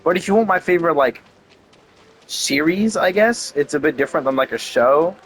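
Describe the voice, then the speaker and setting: A man casually rambling and thinking out loud as he plays a video game, swearing now and then. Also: fairly high pitch, animated, moderate pace, faint music behind, rough recording. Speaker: gaming video creator. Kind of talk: casual gameplay commentary.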